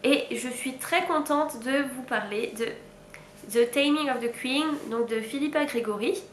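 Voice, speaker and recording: A young French-speaking woman with a high-pitched voice and a stuffy nose from a cold talks frankly, at a measured pace, about what she's been reading, sighing and laughing a little along the way. This casual book-vlog update was recorded in an echoey room with a slight hiss or hum.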